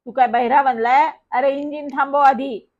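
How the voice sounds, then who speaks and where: A woman's voice: high-pitched, steady tone, normal speed, lightly acted. A woman voicing a careless, playful young boy who is a friend in a storybook, speaking in an offhand, teasing way. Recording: dull lo-fi recording.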